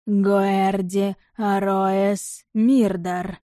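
A woman voicing an ancient, commanding silver wolf spirit in an audiobook, speaking in a slow, low rumble. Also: little pitch movement, warm tone, dry recording, studio quality. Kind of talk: audiobook character voice.

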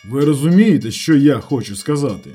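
A tetchy middle-aged businessman, voiced by a man, speaking slowly and formally as he lectures in a story reading. His speech rises and falls with a lively lilt. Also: mid-range voice, slightly rough, soft background music. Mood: lecturing.

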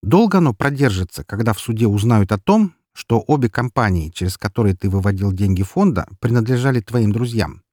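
A man voicing a calm, cunning young man who corners a swindler in a carefree, mocking tone. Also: lowish voice, fairly quick, few pauses, no echo, studio quality. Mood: businesslike.

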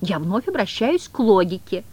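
A woman's voice: medium pitch, big pitch swings, normal speed, darkish tone, husky, pitched above the performer's own voice. A woman voicing a huge, sly, pompous talking cat who speaks in wordy, mock-offended phrases.

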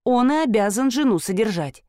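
A woman voicing a sharp-tongued wealthy mother who speaks in a caustic, dismissive way. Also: a little high, expressive, fairly quick, no echo, studio quality, pitched above the performer's own voice, close to an everyday voice. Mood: scornful.

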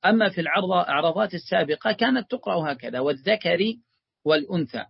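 A man's voice: sits high, lively intonation, very fast, creaky, slightly rough, dry recording, dull audio. A man teaching a religious lesson, explaining a text and calling his students his beloved ones.

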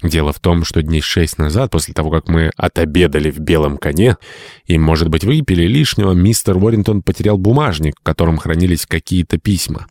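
A man's voice: sits low, brisk, a little mellow, no echo, studio quality. A male audiobook reader voicing an earnest, flustered chaplain. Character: anxious, simple-hearted male chaplain. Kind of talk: audiobook character reading.

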